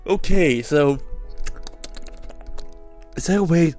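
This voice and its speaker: British sounding guy chatting over a game, swingy pitch, takes his time, music under it. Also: expressive, takes it slowly, a little mellow. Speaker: gamer playing and commenting. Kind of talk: casual game commentary. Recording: music behind the voice.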